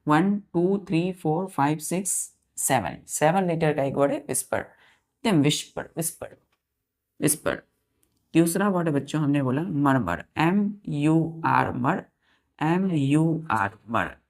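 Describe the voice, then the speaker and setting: A woman teaching a vocabulary lesson, slowly spelling words out letter by letter and often asking her students whether it is clear. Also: deep voice, lively intonation, a little mellow. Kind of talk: classroom lesson.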